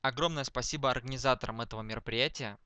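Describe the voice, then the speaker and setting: A man dictating text slowly to speech recognition, speaking each punctuation mark aloud, word by word. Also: mid-range voice, bright, forceful tone. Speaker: dictation demonstrator.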